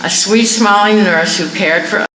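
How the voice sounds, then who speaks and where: Lady reading her poems slow, bright voice, echoey room, kinda far from the mic. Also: medium pitch, slight background noise. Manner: halting, with fillers between readings. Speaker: poetry reader. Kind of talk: reading limericks and a short story aloud. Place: event room at a wellness center.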